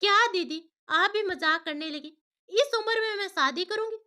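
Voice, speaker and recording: A woman's voice: very high-pitched, moderate pace, bright, forceful tone, voice pushed up. Woman voicing an indignant widowed mother. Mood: protesting. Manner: indignant, insistent protests. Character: widowed mother, proud and fiercely devoted.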